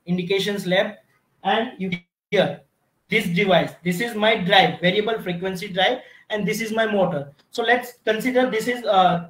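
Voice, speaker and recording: A man teaching a technical lab demonstration, explaining step by step with frequent restarts and repeated "you can see". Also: high-pitched. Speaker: instructor. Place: automation lab with equipment. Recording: echoey room.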